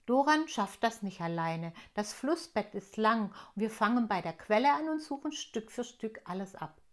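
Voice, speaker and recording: A woman reading aloud, voicing a curious little girl elf from a children's storybook in a high, eager voice. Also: animated, normal speed, lightly acted.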